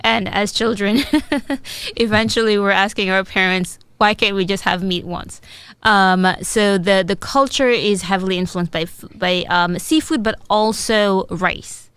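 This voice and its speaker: A woman from Senegal, a food and product developer, answering interview questions with many pauses and fillers. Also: mid-range voice, steady tone, a bit bright, clean tone, dry recording. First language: French.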